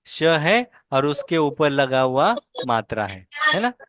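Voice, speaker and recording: A woman's voice: sits low, very animated, fairly bright tone, no room sound, clean studio sound. A woman teaching a language lesson, patiently modelling and correcting pronunciation word by word. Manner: corrects and models words slowly, repeating each.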